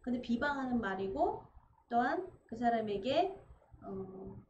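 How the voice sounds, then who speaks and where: A woman pastor preaching a sermon in an animated way, acting out quoted conversations. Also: a little high, a little slow. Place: church sanctuary. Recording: echoey church room, dull sound, faint noise.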